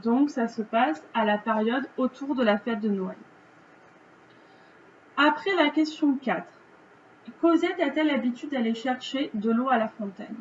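A woman's voice: a little high, lo-fi sound, a little hiss or hum. Patient French woman teaching a reading lesson. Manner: slow, patient, explaining step by step. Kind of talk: reading lesson correction for children.

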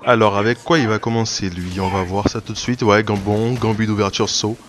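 A man giving casual play-by-play commentary on his own online fighting game matches, rambling, restarting his sentences and breaking into sudden excited outbursts. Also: lowish voice, a little fast. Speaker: gaming video creator. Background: game music.

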